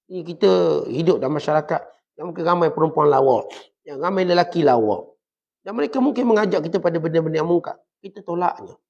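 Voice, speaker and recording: A man's voice: a little high, gravelly, a little mellow. A man with a Malaysian Malay accent giving a conversational religious lecture, mixing teaching with humorous everyday examples. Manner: conversational, humorous examples, talks to his listeners. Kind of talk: mosque lecture on Sufism. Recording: dull lo-fi lecture recording.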